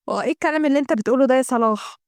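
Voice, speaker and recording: A woman's voice: sits high, racing, dry recording, studio quality, lightly acted. A woman voicing a middle-aged Egyptian housewife who argues and complains to her husband. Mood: complaining. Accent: Egyptian Arabic. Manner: pleading, complaining.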